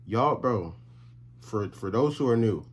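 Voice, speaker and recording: Speaking a little slowly with lively intonation, this eighteen-year-old man from Texas has a lowish, slightly rough voice. A college vlogger and streamer, he rambles casually and slangily to chat, with lots of fillers, into a phone camera held at arm's length or propped up inside a small bedroom and bathroom.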